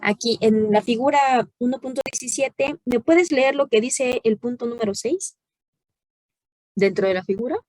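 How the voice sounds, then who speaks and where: A woman's voice: fairly high pitch, moderate pace, a little mellow, dry recording. A woman, a teacher giving patient, corrective feedback on a student report during an online class. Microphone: video call.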